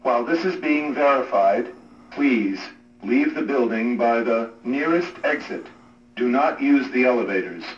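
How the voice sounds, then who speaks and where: A man giving a calm, measured prerecorded emergency announcement over a public address loudspeaker. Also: mid-range voice, noisy background. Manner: calm, measured, even delivery. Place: hotel corridor. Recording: echoey, muffled loudspeaker from far off.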